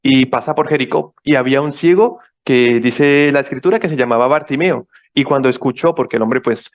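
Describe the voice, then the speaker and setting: Guest speaker at a church service, a man of middle pitch, methodical and explanatory, often repeating himself for emphasis. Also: brisk. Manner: explanatory, repeats key points, checks in with listeners. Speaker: visiting ministry speaker. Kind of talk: church presentation.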